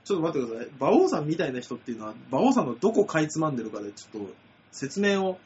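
A man's voice: fairly high pitch, sing-song, rapid-fire, darkish tone. A man co-hosting a casual comedy talk show who speaks politely, laughs along and asks follow-up questions. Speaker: co-host. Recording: dull lo-fi recording with faint noise.

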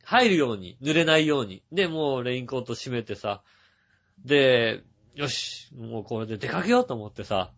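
Guy hosting a talk show, rambling story, lots of fillers, voice swoops up and down, kinda muffled lo-fi audio. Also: fairly high pitch. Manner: chatty, full of filler words and asides, chuckling. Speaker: radio show host. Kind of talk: casual storytelling monologue. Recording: dull lo-fi sound.

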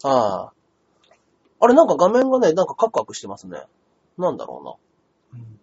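A man co-hosting a casual comedy chat stream, animated and reading viewer comments aloud. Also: medium pitch, fairly quick, husky. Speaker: radio and stream co-host. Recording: dull lo-fi stream audio.

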